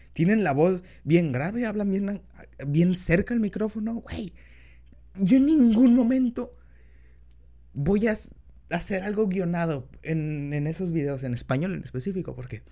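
A man's voice: high voice, creaky, warm tone. A young man with a Mexican Spanish accent, chatting casually and affectionately in a rambling, improvised boyfriend ASMR style. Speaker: ASMR boyfriend-audio creator.

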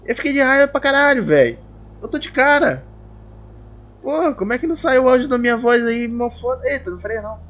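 A young man from Paraná, Brazil, chatting casually over a game, excitable and joking, with a lot of swearing. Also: very high voice, fast talker. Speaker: gaming YouTuber. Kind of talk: casual gameplay chat. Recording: dull lo-fi recording.

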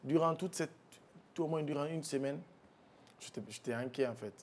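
A man tells a painful family story to an interviewer. He speaks softly and haltingly, often restarting his sentences. His voice drops low in the heaviest parts, and a faint rumble sits under the recording. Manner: soft-spoken, halting with restarts, low when recalling grief. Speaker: guest.

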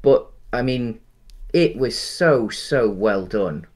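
His voice is mid-range and darkish, animated yet slow-paced. A man in his thirties, he co-hosts a laid-back film discussion from home via headset on a video call, wandering through restarts and filler words.

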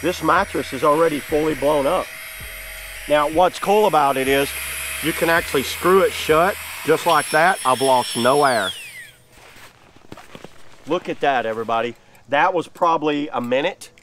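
A man's voice: fairly high pitch, normal speed, pauses often, fairly bright tone, slight background noise. Chatty upbeat man demoing gear outdoors. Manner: enthusiastic, chatty, lots of "like" fillers. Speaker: product reviewer. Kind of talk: casual hands-on product demo. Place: outdoors on grass.

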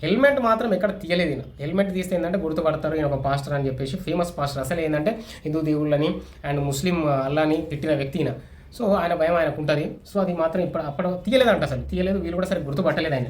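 A man with a slightly high voice talks very fast in casual, opinionated news commentary, full of restarts and fillers. The recording is in an echoey room with faint ambient noise.

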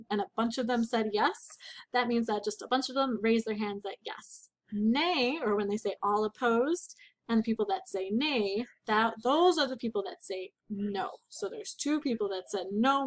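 A woman reading a children's book aloud to young listeners, stopping to explain words and ask them questions. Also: a little high.

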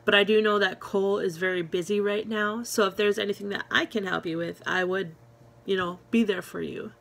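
A woman's voice: medium pitch, fairly even intonation, a little fast, vocal fry. A woman talking casually to her viewers in a vlog, rambling with many fillers and restarts, friendly and encouraging. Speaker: vlogger. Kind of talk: casual chat to camera.

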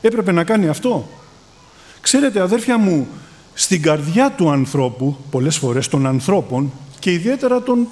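A man delivering a sermon, addressing his listeners as brothers. His voice sits high and moves a lot, climbing for emphasis and dropping low and soft at the ends of phrases. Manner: calls listeners brothers, voice rising and falling in emphasis. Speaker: preacher.

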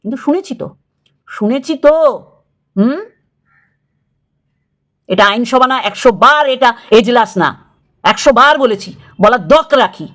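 A middle-aged woman delivers a confrontational video rant to camera. Her voice sits a little high. She scolds and lectures, hammering the same lines again and again. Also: lively intonation, unhurried, long pauses, a bit bright. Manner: scolding, confrontational, repeats phrases. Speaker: YouTube creator.

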